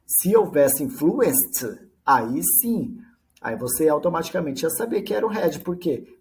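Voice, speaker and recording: A man with a Brazilian Portuguese accent teaching English. He explains in Portuguese, repeats each English phrase slowly for practice, and keeps checking in with short tag questions. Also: a little high, a little mellow. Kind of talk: language lesson.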